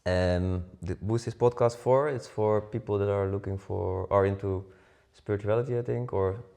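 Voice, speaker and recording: Gravelly-voiced man in his forties, halting. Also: on the low side, a little mellow. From Netherlands. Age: 40s. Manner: hesitant, many fillers and restarts. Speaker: podcast co-host. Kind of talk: casual chat.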